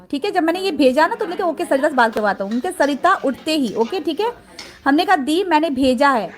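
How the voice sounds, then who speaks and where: A woman with a high-pitched voice gives casual vlog commentary, reading messages aloud and speaking directly to viewers. Her manner is indignant and emphatic.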